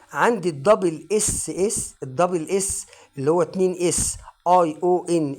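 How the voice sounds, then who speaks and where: A man's voice: fairly high pitch, a little mellow. Egyptian man drilling English sounds. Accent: Egyptian Arabic. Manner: slow drilled word-by-word repetition. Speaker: English teacher. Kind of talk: online phonics lesson.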